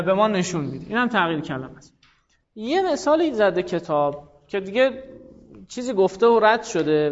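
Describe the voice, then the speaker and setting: A man's voice: high voice, big-room sound, lo-fi sound. A man teaching a class, explaining step by step and putting questions to his students. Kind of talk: classroom lecture.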